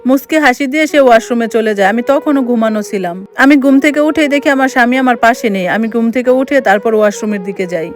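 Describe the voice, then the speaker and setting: Woman narrating a first-person family story, measured and even, soft music behind. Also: fairly high pitch.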